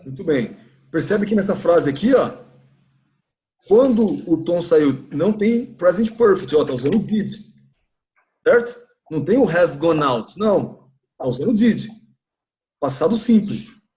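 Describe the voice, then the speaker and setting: Speaking slowly and pausing often, this man has a fairly high, expressive voice with a dark tone. He carries a Brazilian Portuguese accent as he leads an English grammar lesson in a church classroom, questioning students with patience and repeating key points.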